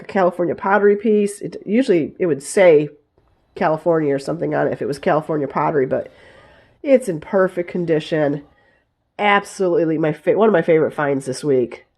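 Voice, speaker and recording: A woman with a raspy, hoarse voice from a head cold, chatting casually as she shows off her thrift finds, often pausing to search for words. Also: fairly low pitch, darkish tone. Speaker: vlogger showing thrift finds. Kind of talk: casual haul show-and-tell.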